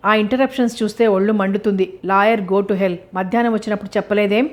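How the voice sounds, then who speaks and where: A woman's voice: medium pitch, fairly even intonation, moderate pace, dark tone, natural voice. A woman voicing a brash, bossy young rich man who teases his friend. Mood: irritated.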